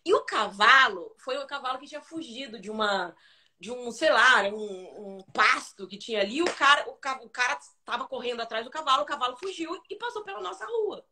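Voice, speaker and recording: Animated high-voiced Brazilian woman storyteller. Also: fairly quick. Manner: animated, dramatic retelling with laughter. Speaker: guest singer. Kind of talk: live stream storytelling.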